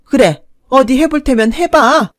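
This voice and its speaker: A woman voicing a pushy, shameless older stepmother-in-law who nags and wails loudly. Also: fairly high pitch, lively intonation, normal speed, no room sound, clean studio sound, natural voice. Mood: scolding. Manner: loud, wailing, nagging.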